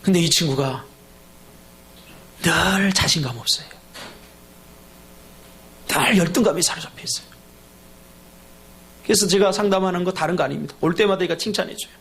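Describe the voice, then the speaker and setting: A man's voice: high-pitched, normal speed, creaky, pauses often, poor audio. A man preaching a sermon as pastor, telling stories and acting out the people in them. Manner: storytelling sermon, acting out dialogue and shouts.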